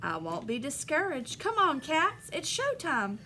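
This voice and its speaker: A woman's voice: high-pitched, wildly swooping pitch, a little slow, bright, forceful tone, slight background noise, exaggerated voice. A woman voicing a frantic, bossy old Santa in a storybook, calling out emphatically. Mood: eager, urging.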